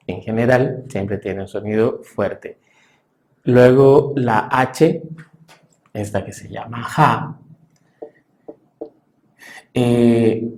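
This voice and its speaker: A man teaching a language class, explaining patiently and slowly, with frequent "eh" fillers. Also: medium pitch, darkish tone. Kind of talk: classroom lesson.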